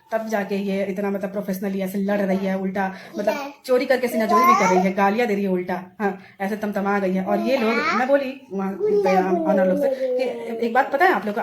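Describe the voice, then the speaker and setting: A young adult woman vlogger telling a story in a casual, animated way, acting out what others said. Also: medium pitch. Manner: animated retelling, acts out quoted people.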